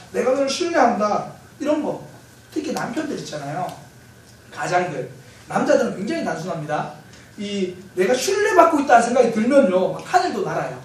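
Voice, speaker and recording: A man preaching a Sunday sermon as pastor, telling stories in a lively way with light humor. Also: extremely high pitch. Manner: lively storytelling with self-corrections and light humor. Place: church sanctuary. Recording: very echoey church hall, mic far off, faint hiss.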